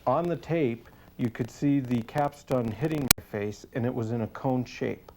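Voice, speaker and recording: Police sergeant guy doing an interview testimonial, mid-pitched voice, earnest and plain spoken, takes it deliberately. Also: background noise.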